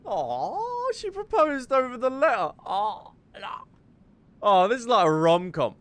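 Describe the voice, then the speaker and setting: Unhurried and very high-voiced, this male streamer teases his way through a let's play, lively and prone to fits of giggles. Game music plays faintly in the background.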